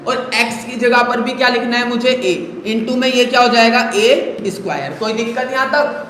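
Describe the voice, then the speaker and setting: A man's voice: extremely high pitch, normal speed, pushed and bright, slight background noise. A male math teacher giving a live online lesson, coaxing students with rhetorical questions and calling them "beta". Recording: very echoey room, faint ambience.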